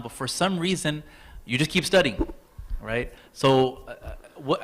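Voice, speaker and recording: A man's voice: a little high, a bit bright. A man from an outreach department talking to an audience, engaging and drawing them in with questions. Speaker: outreach staff host. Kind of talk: event talk to audience.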